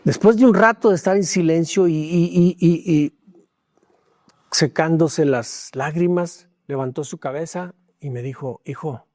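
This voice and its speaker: Pastor guy preaching, kinda high voice, goes loud then real quiet, dry sound. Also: a little slow, no room sound. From Mexico. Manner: emotional storytelling preacher, shifts from loud to hushed. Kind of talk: sermon with personal story. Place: church.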